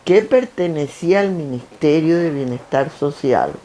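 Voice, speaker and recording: An older woman from Guayaquil with an Ecuadorian coastal accent, telling stories about her work in a lively, anecdotal interview. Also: low-pitched, measured pace, slight background noise. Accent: Ecuadorian coastal Spanish, Guayaquil. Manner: animated, anecdotal, lists with repetition. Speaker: interview guest, founder of a foundation. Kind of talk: conversational interview, storytelling. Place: theater stage.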